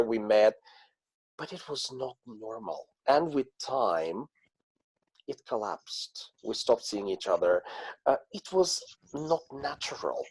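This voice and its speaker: Slow, animated male mentoring coach. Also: medium pitch, dry recording, rough recording. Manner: slow, reflective, acts out quoted voices. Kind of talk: spoken lesson with personal stories.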